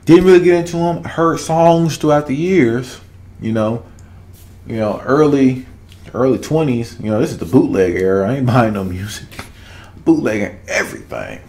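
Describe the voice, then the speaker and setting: Speaking at medium pitch with lively intonation, this Arkansas man in his thirties keeps a moderate pace and a somewhat mellow sound. His Southern-accented reaction commentary is casual and emphatic, with phrases repeated for weight. The setup is a small home room with cloth draped behind him, a desk condenser mic, and headphones on.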